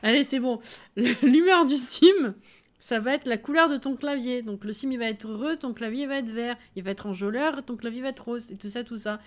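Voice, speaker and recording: A woman's voice: on the high side, brisk, few pauses. A woman streaming a life-sim game, chatting casually with her viewers, laughing often and reading chat messages aloud. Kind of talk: casual live-stream chat while playing.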